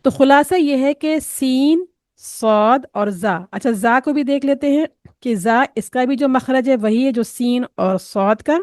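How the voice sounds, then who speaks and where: Woman w teaching tajweed, patient step by step, kinda high voice, dry close sound. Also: a little mellow, no echo. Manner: patient, explains step by step and models sounds slowly; mixes English words into her teaching. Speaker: Quran recitation teacher. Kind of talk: tajweed pronunciation lesson.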